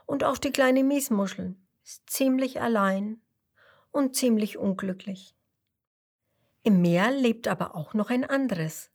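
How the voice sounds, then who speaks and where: Woman reading a kids' story nice and slow, calm soft voice, talks right to the kids, whispers bits. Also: medium pitch. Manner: slow, soothing, addresses listeners directly, sometimes drops to a whisper. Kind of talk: children's bedtime story narration.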